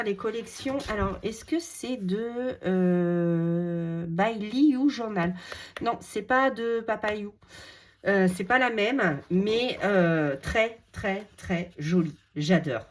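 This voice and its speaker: A woman with a French accent, chatting casually as she unboxes and shows craft supplies, gushing and full of fillers. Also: mid-range voice. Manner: gushing, repeats words, many fillers. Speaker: crafting vlogger showing a haul.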